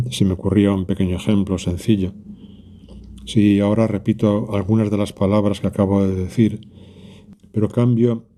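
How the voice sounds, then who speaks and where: A man leading a spoken prayer meditation, calm and reflective, speaking directly to Jesus with pauses. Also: lowish voice.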